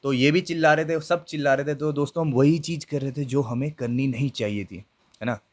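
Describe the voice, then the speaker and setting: Speaking a little fast in a medium-pitched voice, a young adult YouTuber relates a ghost story from his own life. It's casual chatter aimed straight at his viewers, peppered with check-in fillers.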